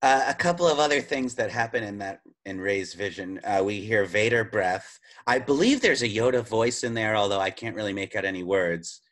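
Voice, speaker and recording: A man with a fairly low voice, co-hosting a relaxed podcast conversation. He leads each new topic but hesitates often, filling pauses with little sounds. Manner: hesitant, many filler sounds, steers topics. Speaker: podcast co-host. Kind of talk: casual podcast chat.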